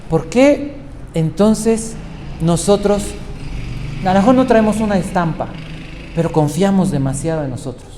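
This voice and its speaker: Male pastor, mellow voice, lively sermon with questions, reverberant hall. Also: high-pitched, a little slow, long pauses. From Mexico. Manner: animated preaching, asks the congregation questions. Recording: reverberant hall with faint noise.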